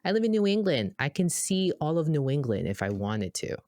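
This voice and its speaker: A woman from Boston co-hosting a podcast, telling stories in an animated, emphatic, casual way. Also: low voice, brisk, no room sound, clean studio sound. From Boston, USA. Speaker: podcast co-host.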